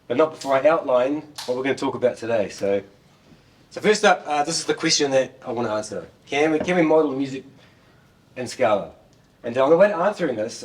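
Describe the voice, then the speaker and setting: A middle-aged man with a New Zealand accent gives an informal tech talk in a joking, self-deprecating way, often repeating words. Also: medium pitch. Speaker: software developer giving a talk. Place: indoor meeting room, standing at a laptop beside a screen. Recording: distant room microphone.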